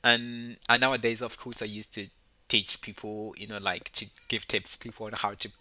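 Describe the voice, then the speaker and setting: Guy with non-native english, super bright forceful voice, halting casual rambling, dry close sound. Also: fairly low pitch, level tone, dry recording. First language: not English. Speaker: YouTube host and English learner. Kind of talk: casual unscripted recommendation.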